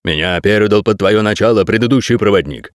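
Brief: male reader voicing a stern talking dog, low and terse. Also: fairly quick, dry recording, natural voice. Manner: clipped, low and dry.

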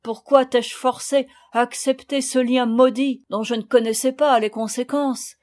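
A woman's voice: high-pitched, fairly even intonation, unhurried, a little mellow. A woman reading aloud voices a kind shipwrecked father, sorrowful and pleading. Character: grieving shipwrecked French father, kind and gentle.

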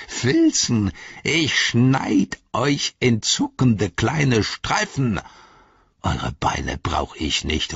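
A man voicing a sly, menacing male orc who hisses and whispers slowly, with a husky voice in a slightly dull recording. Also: deep voice, a bit bright, dry recording, heavily acted. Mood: vicious threat. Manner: hissing, whispery, slow and drawn-out.

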